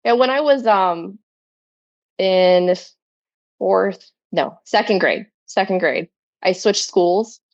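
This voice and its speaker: A woman from Florida with a Southern accent, a podcast guest chatting and telling quick stories. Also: medium pitch, no echo, lo-fi sound. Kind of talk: casual chat.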